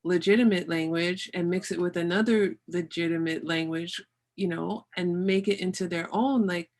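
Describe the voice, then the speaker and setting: A woman's voice: fairly low pitch, steady tone, normal speed, a little mellow. A woman hosting a conversational interview, speaking emphatically and repeating phrases for stress. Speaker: podcast host, interviewer.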